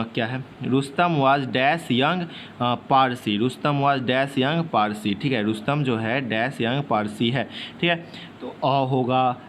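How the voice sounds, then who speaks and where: Male teacher, Bihari Hindi accent, mid-pitched, exam-prep quiz, urging fast answers, faint hum. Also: a bit bright. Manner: quizzes students, urges quick answers, repeats questions; reads sentences slowly, word by word. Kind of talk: online exam-prep class.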